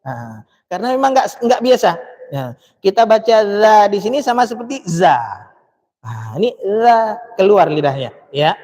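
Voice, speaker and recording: A man teaching Quran recitation at a dawn mosque lesson, chanting verses slowly and then explaining pronunciation briskly, repeating syllables as demonstrations. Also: high-pitched, sing-song, a little mellow. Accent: Indonesian. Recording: long mosque reverb.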